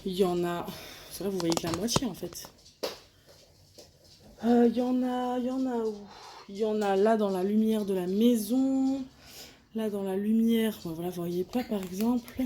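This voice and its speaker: A woman's voice: medium pitch, unhurried, pauses often, dark tone, slight background noise. A young woman chatting casually at her living room table as she unboxes and shows a diamond painting kit, thinking aloud as she counts and sorts.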